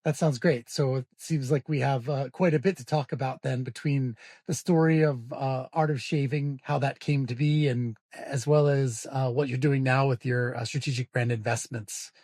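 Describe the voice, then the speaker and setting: A man, a lawyer hosting a podcast, asking questions in a polite, measured way with frequent fillers. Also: mid-range voice, fairly even intonation, a little mellow, dry recording. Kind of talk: interview hosting.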